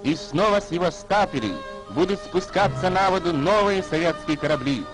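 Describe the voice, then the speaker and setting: 1940s newsreel narrator, a man, fairly high voice, solemn and declamatory, music playing underneath. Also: expressive, normal speed, low-quality recording. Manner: solemn declamatory announcer delivery. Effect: 1940s newsreel voice-over. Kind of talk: scripted wartime newsreel narration. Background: orchestral score.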